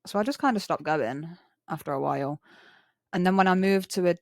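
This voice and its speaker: A young English woman with a rough, chav-style slangy accent, chatting casually and candidly. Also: fairly low pitch, a little fast, a little mellow, no room sound, studio quality. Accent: English, chav-style street slang. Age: young adult. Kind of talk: casual chat.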